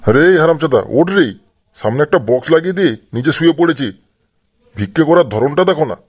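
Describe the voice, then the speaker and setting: A man's voice: fairly high pitch, expressive, fast. A man doing a grumpy swearing old man. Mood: angry. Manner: scolding, swearing. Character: grumpy old man passerby, foul-mouthed.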